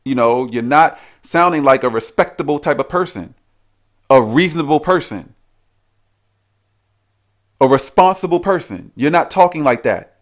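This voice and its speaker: A man's voice: on the high side, animated, normal speed, long pauses. A man hosting his own channel, delivering an argumentative, repetitive reaction rant that keeps challenging the person he is answering. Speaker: commentary channel host.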